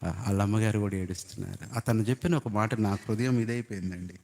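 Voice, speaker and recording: A man with a Telugu accent preaching a sermon as pastor, asking the congregation questions and rising to emphatic high-pitched shouts. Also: fairly even intonation, fast talker, gravelly. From India. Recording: long hall reverb.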